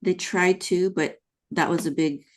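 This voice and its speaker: This podcast host, born in the Philippines and now from California, has a Californian American accent as she explains her views during a conversational interview. She talks at a measured pace in a fairly low voice with fairly even intonation.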